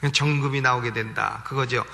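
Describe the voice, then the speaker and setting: A man's voice: mid-range voice, steady tone, normal speed, gravelly, sharp tone. A male pastor giving an expository sermon, emphatic, repeating key phrases and asking rhetorical questions. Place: church sanctuary. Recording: long church reverb.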